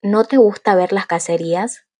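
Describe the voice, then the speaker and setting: A woman reading the part of a proud, quick-tempered young male cultivator in an audiobook, curt and cold in his replies. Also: mid-range voice, dark tone, husky, dry recording, lightly acted. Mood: puzzled. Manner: cold and curt, easily offended.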